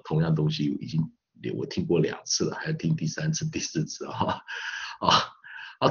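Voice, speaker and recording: A male English teacher gives an online phonics lesson. He spells words out slowly and fills his talk with little particles. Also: sits low, lo-fi sound. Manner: repeats spellings slowly, peppers speech with 啊 and 哦.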